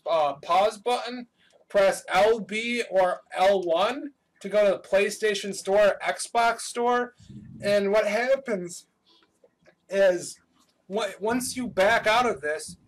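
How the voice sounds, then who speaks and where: A young man with a high, light voice talks loosely over his gameplay, swearing freely and breaking into excited outbursts. His pace is unhurried, and the sound comes through a webcam microphone rather than a proper mic. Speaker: gaming channel host. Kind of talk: casual gameplay commentary.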